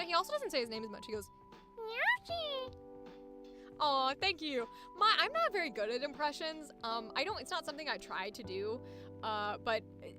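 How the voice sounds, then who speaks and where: On her live stream, a young voice actor with a high-pitched voice talks casually about voice acting and now and then tests out squeaky character voices.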